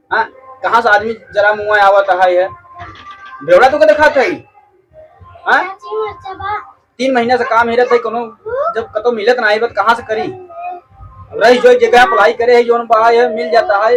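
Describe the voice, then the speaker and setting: A man's voice: very high-pitched, steady tone, normal speed, fairly bright tone, soft background music, poor audio. A man playing a jobless, defensive village husband in a family skit, arguing and grumbling in rustic speech with an eastern Hindi belt, Bhojpuri-Awadhi accent. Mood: irritated. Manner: argumentative, muttering repetitions, rustic speech. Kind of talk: amateur family skit dialogue.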